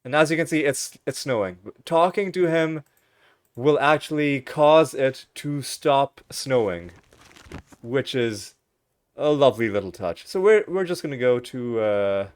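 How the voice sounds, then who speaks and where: A man's voice: medium pitch, lively intonation, measured pace, clear, resonant tone, dry recording. A man hosting a let's play, talking through a game casually with wry, rambling asides and frequent self-corrections. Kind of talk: casual gameplay commentary.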